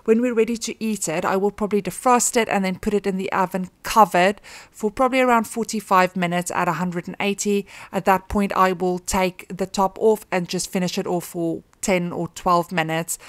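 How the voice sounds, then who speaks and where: Woman, thirties, lower voice, relaxed chatty cooking voice-over, dry close mic. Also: no room sound. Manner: relaxed, chatty, frequent ums. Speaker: cooking vlogger. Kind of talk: casual voice-over narration of cooking steps.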